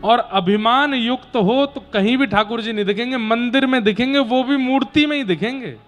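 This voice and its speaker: A man's voice: very high voice, fairly bright tone, faint music behind. A man telling devotional stories as a preacher in a sermon, addressing a gathering. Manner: unhurried, preaching to a gathering, breaking into devotional song. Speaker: katha preacher.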